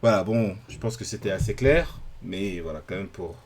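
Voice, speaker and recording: A man with a fairly low voice hosts a live stream and thinks aloud as he goes. He hesitates a lot and fills pauses with fillers. He sounds out unfamiliar words slowly and loudly, then lets his voice drop away to a mumble. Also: animated, slight background noise. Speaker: podcast host.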